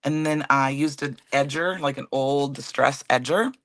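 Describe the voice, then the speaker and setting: Raspy hoarse woman hosting a crafting stream. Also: a bass voice, moderate pace, a bit bright. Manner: chatty, greets viewers by name. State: hoarse with a cold. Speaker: card-making livestream host. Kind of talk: casual live crafting demo.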